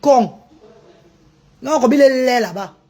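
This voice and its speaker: A Cameroonian woman with a high, slow, dark-toned voice rants at commenters during a live stream. Between updates on the charity restaurant she runs, she mocks and insults them.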